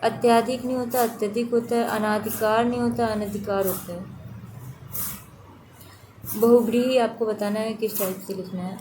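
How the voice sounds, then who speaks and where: A woman's voice: fairly high pitch, steady tone, moderate pace, long pauses, warm tone, slight background noise, rough recording. A woman teaching an online exam-prep lesson, steadily repeating which spellings are correct and which are wrong.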